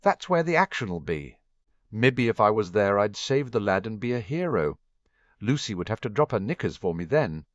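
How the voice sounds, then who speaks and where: A man's voice: fairly low pitch, big pitch swings, normal speed, dry recording, muffled recording. A man doing a crude grumbling guard. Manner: grumbling, muttering. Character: bored, crude male Auror, grumbling.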